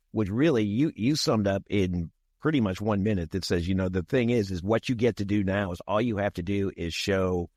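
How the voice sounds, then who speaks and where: A man in his sixties co-hosts a casual podcast discussion, speaking in a folksy way, repeating himself and letting out the odd chuckle. His voice sits on the low side and is a little mellow. The studio-quality recording has no room sound.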